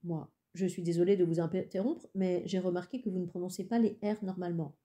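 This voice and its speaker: Woman reading a teen boy, polite, anxious, apologetic, precise, very mellow dark voice. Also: lowish voice, fairly even intonation, fairly quick, natural voice. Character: polite anxious teenage boy, fussy expert.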